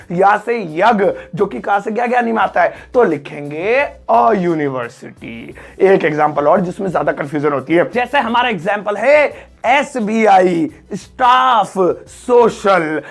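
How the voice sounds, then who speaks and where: A man teaching an English grammar lesson, joking and teasing his students and drawing words out slowly. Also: high-pitched, creaky. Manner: joking, playful teasing of students, drawn-out slow-motion sounds.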